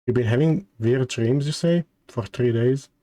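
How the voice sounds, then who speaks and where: A male streamer talks casually to his chat at an unhurried pace. His voice is soft-edged and mellow at a middle pitch, and he feels his way haltingly through sentences, repeating words. The sound is close and dry. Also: dry recording. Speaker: streamer hosting a debut stream.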